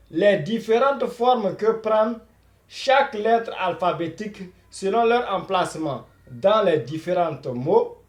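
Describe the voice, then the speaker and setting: A man teaching beginners Arabic in a slow, patient lesson, repeating himself and saying "voilà" often. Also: sits high, reverberant.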